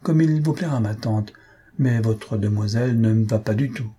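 A man's voice: lowish voice, moderate pace, warm tone, husky. A man voicing a flippant young nephew. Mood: arguing. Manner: cajoling, flippant.

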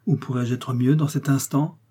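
A man voicing a gentle dying noblewoman. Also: steady tone, moderate pace, breathy edge, natural voice. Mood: pleading, tender. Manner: tender, raised pitch for a woman.

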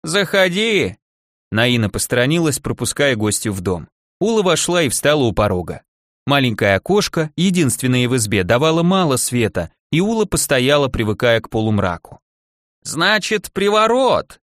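A man with a mid-range voice reads an audiobook, narrating a script in a measured, expressive storytelling manner. The studio sound is clean, with no echo.

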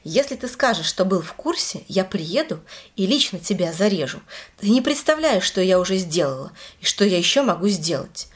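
A woman telling a first-person story to her child in an emphatic, lively way. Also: mid-range voice, moderate pace.

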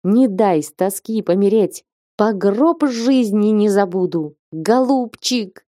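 A woman voicing an excitable, hot-tempered young merchant who gushes and exclaims to his friend. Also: medium pitch, takes it slowly, dry recording, studio quality, lightly acted. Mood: exuberant. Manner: exclaiming, gushing.

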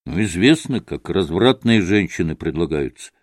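A man's voice: low-pitched, animated, normal speed, dry recording, studio quality, voice pushed down. A man reading an audiobook, voicing an irritable, feverish young man who speaks curtly and sardonically. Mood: bitter. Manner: curt and sardonic.

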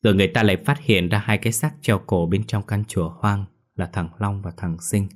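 A man narrating a ghost story in a slow, mournful way. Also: lowish voice.

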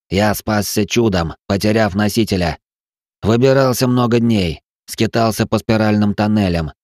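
A man's voice: on the low side, darkish tone, no echo, studio quality, voice pushed up, close to an everyday voice. A man voicing a cold, ruthless possessed man who speaks curtly and with scorn. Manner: icy, curt and scornful.

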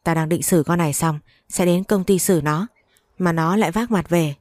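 A woman's voice: on the low side, normal speed, no room sound, natural voice. A woman voicing an arrogant, cruel jealous wife who speaks scornfully. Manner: scornful, shouting.

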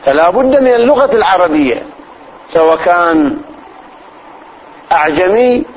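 A man, teaching religious law as a sheikh. He explains slowly, repeats phrases and demonstrates pronunciation. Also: high voice, animated, muffled recording, a little hiss or hum. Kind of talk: religious lesson.

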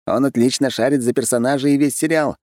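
A man's voice: medium pitch, fairly even intonation, fast, darkish tone, no echo, clean studio sound, pitched above the performer's own voice, natural voice. A man reading an audiobook, voicing a self-important young man who is boastful and secretive. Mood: smug.

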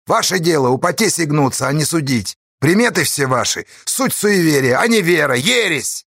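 A man's voice: on the high side, lively intonation, moderate pace, fairly bright tone, dry recording, studio quality, voice pushed up. A man voicing a hot-tempered, defiant barge pilot who commands his crew in an audiobook. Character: fiery stubborn barge pilot, a grown man.

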